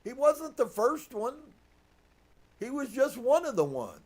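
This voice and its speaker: A man preaching earnestly as a pastor, reading from a book and reflecting on it with soft laughs. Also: very high voice, sing-song, measured pace. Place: live stream.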